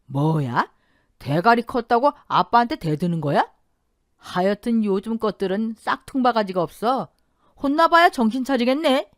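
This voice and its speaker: A woman voicing a greedy, quick-tempered middle-aged father who shouts and demands money in an audio drama. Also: medium pitch, lively intonation, dry recording, clean studio sound, voice pushed up, lightly acted. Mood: angry.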